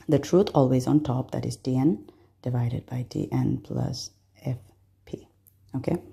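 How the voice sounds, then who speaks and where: A woman's voice: a bass voice, creaky, mellow. A woman from Bangladesh, a medical student walking through exam concepts step by step, patient, with frequent fillers.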